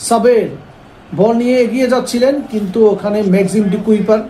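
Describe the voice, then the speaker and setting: High-pitched man commentating a football game. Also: fast talker, dark tone. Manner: addresses viewers as friends, mixes in English words. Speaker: gameplay commentator. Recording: echoey room, faint background noise.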